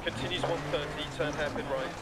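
A man acting as a rally co-driver in a driving game, with a fairly high male voice. He delivers rapid pace notes in short, clipped bursts. The calls are focused, urgent and businesslike. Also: steady tone, heavy background noise, close to an everyday voice. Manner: clipped terse calls of directions and numbers.

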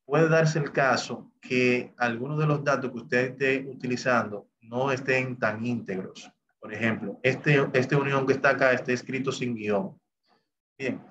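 A man's voice: medium pitch, muffled recording, background noise. A man teaching a recorded spreadsheet class, explaining each step and often saying "bien" and "entonces" as he moves on. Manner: talks through each step of what the software does. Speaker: Excel instructor. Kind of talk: recorded screen-share lesson.

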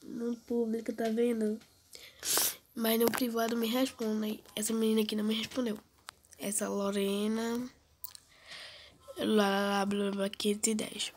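A teenage girl gives casual commentary over a game. She has a cold and keeps her fairly high voice soft and low, often near a whisper. A faint hiss sits under the recording. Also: little pitch movement, a little slow, long pauses. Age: teens. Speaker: gamer vlogger.

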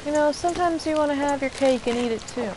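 A young woman streams a game with fast, high-pitched, profane commentary, playful and sarcastic in a casual live style. The recording is noisy, with video game sound running behind her voice.

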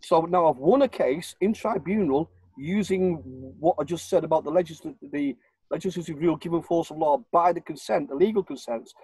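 A man's voice: on the high side, a little fast, dark tone, slightly rough, no room sound, poor audio. An older man with a northern English accent, speaking emphatically as a guest on a home video call. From Warrington, northern England. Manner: emphatic, insistent, repeats his points. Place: living room at home. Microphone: webcam on a video call.

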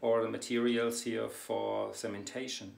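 A dentist tours an indoor treatment and sterilization room, explaining as he moves along. His voice is fairly low, a little mellow, and fairly flat in pitch, and he talks slowly and haltingly with lots of fillers and restarts. Captured by a camera mic from a few steps back, the sound is roomy and distant, with background noise clearly audible.

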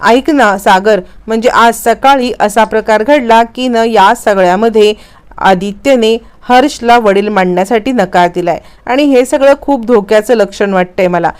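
A woman's voice: on the high side, moderate pace, smooth, lightly acted. A woman voicing a worried, anxious mother in a story recap, speaking in a pleading way.

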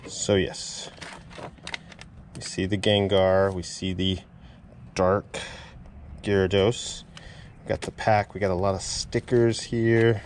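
Filmed on a head-mounted action camera, a man digs through a storage unit for an excited unboxing vlog, amazed and repeating his exclamations. His voice is low and level, he takes it slowly with long pauses, and there's a little hiss or hum.

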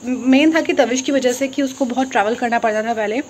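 Young woman vlogger, chatty and quick, high voice. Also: slight background noise. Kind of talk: casual chat.

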